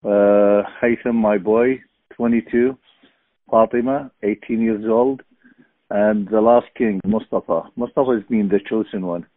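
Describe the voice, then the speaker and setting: Middle-aged man, slow and halting, dry phone-line sound. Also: lowish voice, steady tone, dry recording. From Iraq. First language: Arabic. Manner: halting, searching for words, many fillers. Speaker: podcast guest. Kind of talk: casual interview.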